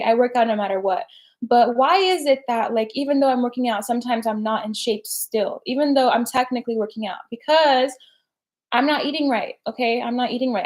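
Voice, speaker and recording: A young woman who hosts personal development content chats on a casual live stream in a slightly mellow voice on the high side. She's slangy and talkative, sprinkling her speech with "like" and "right?".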